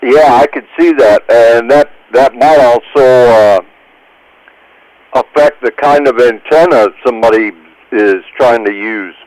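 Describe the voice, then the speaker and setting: Unhurried American man on ham radio. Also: medium pitch, darkish tone, low-quality recording. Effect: heard over amateur two-meter radio. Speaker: radio net participant. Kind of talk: casual ham radio chat.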